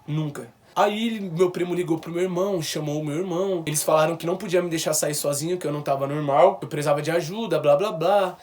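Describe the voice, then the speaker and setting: A young Brazilian man with a somewhat high voice, telling a personal story to his viewers. He speaks in casual slang and jumps into the voices of the people in his story. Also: fast, few pauses. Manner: animated, slangy, acts out quoted dialogue. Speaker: YouTuber.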